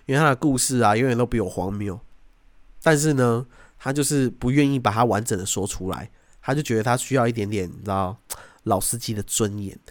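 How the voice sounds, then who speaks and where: A young podcast host with a Taiwanese Mandarin accent tells stories in a relaxed way, cursing freely and acting out what people said. His voice sits at a medium pitch, and the recording has no echo.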